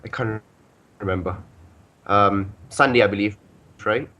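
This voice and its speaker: A man's voice: lowish voice, a little slow, sharp tone, highs cut off. A man hosting a casual podcast, rambling with many ums and filler phrases. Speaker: podcast host.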